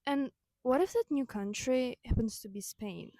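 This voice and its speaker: In this reflective personal monologue, a young woman vlogger whose first language is Ukrainian talks conversationally, with fillers and self-corrections. Her voice is a little high and mellow, at normal speed, with no echo.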